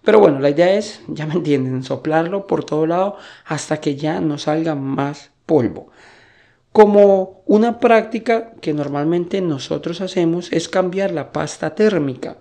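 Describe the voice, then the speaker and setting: Speaking at a measured pace, this man has a slightly high, gravelly yet mellow voice. He hosts a computer-maintenance tutorial, explaining step by step in a relaxed way and often making sure his audience keeps up.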